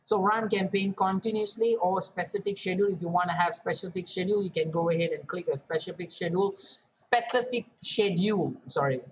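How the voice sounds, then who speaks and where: A woman talking fast through a casual screen-share tutorial as an online marketing instructor, repeating words and often saying "guys". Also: fairly low pitch, fairly even intonation, husky, low-quality recording.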